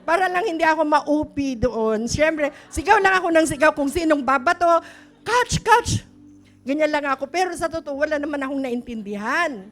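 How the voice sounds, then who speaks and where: A woman's voice: sits high, brisk, a bit bright. A middle-aged woman pastor, preaching a chatty, story-filled sermon that often questions the congregation. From Philippines.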